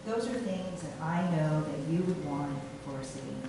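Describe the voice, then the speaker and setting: Woman, middle-aged, candidate speech, halting, far from mic, noisy hiss. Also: deep voice, expressive. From Taiwan. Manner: halting, with fillers and restarts. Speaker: city council candidate. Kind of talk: campaign speech. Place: meeting room. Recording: echoey room from far off, noisy.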